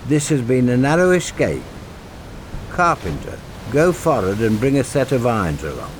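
A male audiobook narrator voicing a calm, commanding middle-aged ship captain who gives clipped orders. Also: mid-range voice, normal speed, a little hiss or hum, close to an everyday voice.

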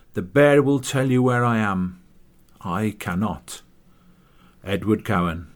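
A man's voice: mid-range voice, lightly acted. Name: Captain Cowan. a man doing a grave, dignified captain. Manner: dignified, solemn, measured. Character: proud, grave male former army captain. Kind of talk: audiobook character voice.

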